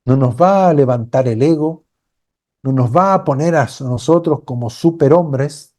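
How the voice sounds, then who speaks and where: A man's voice: a little high, unhurried, darkish tone. A man preaching a sermon as pastor, earnest and building to fervent cries. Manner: acts out quoted voices of a blind beggar crying out.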